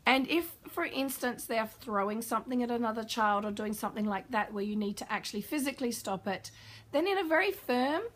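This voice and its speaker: A woman parenting coach answering a viewer's question, explaining calmly and warmly. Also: fairly high pitch, a little hiss or hum, low-quality recording. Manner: calm, warm explanatory advice.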